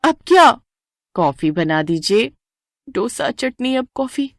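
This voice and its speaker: A woman voicing a young new bride in an animated story, dramatic, tired and full of sarcastic complaints. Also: a little high, dry recording, clean studio sound, natural voice. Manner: exaggerated, complaining, quick sarcastic jokes.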